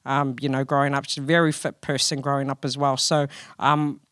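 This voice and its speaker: A New Zealand man in his thirties, guest co-hosting a podcast and telling stories about himself in a relaxed, chatty way, laughing often. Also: mid-range voice, a little fast, clean tone, no room sound, clean studio sound. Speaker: guest co-host. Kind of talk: casual podcast chat.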